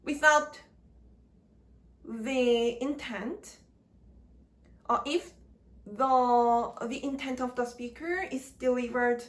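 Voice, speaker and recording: A woman teaching English grammar in a slow lecture, speaking in short, deliberate chunks. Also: on the high side.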